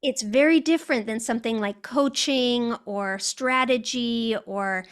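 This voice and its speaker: A woman's voice: on the high side, a little slow, clear, resonant tone. A woman with an American accent, a guest telling her story in an interview, articulate and reflective.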